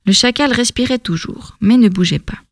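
Calm woman reading a story. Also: a little high, normal speed, no echo, clean studio sound. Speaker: narrator. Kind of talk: scripted storybook narration.

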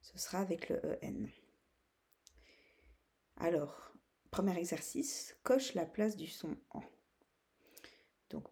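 A woman teacher giving a phonics lesson to young pupils, saying each example word slowly and stretching out the syllables. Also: lowish voice, gravelly, dark tone. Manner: drawn-out syllable-by-syllable word modeling.

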